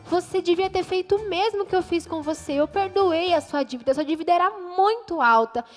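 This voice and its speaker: A woman's voice: very high voice, brisk, pitched above the performer's own voice. A woman with a Brazilian Portuguese accent voicing a stern, angry male king, scolding his servant in a children's Bible story. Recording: reverberant room, faint music.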